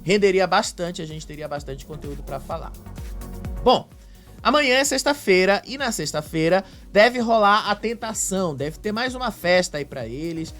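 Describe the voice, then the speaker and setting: A high-pitched Brazilian man talks through reality-show drama in a chatty, casual commentary tone, his voice climbing for emphasis. Faint music sits underneath. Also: lively intonation, moderate pace, fairly bright tone. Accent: Brazilian Portuguese. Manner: chatty, retells fights with emphatic rises.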